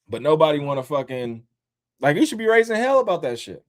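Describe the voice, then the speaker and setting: A livestream host talks casually from his home in Columbus, Ohio. Born in upstate New York and raised in the DC area, he swears freely, keeps things loose, and ridicules people by mimicking them in shrill, squealing voices.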